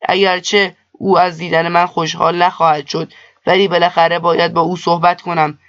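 A man's voice: on the high side, level tone, a bit bright, dry recording. A man voicing a poor, earnest young male cleric in a storybook reading, speaking politely and pleadingly. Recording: dull lo-fi dry recording.

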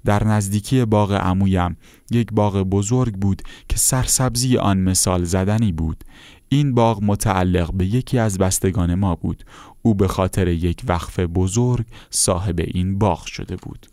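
A man narrates a first-person account in a calm, measured way. His voice is very low and dark, with a mellow tone. The recording is close and dry, with no room around him. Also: dry recording.

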